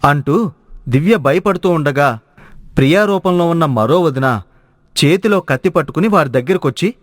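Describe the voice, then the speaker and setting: Male cartoon narrator, fairly high voice, dry close sound. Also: normal speed, no room sound. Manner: steady, storytelling. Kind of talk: scripted storybook narration.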